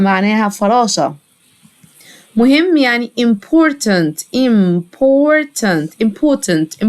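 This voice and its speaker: A woman with a fairly high voice and an Egyptian Arabic accent teaches English vocabulary to children, slowly repeating each word several times.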